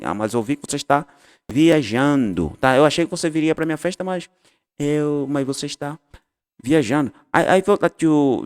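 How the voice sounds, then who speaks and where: Male English teacher, lively pitch, casual and repetitive, recorded with long reverb. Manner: explains in Portuguese, models English phrases, repeats and self-corrects. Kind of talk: casual online lesson.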